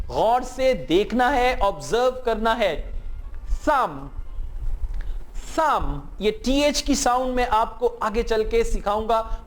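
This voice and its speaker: A man teaching English pronunciation, modeling words slowly for repetition and mixing English terms into his explanations. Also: extremely high pitch. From Pakistan. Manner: slow, drawn-out model words for repeating. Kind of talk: spoken English lesson with drills.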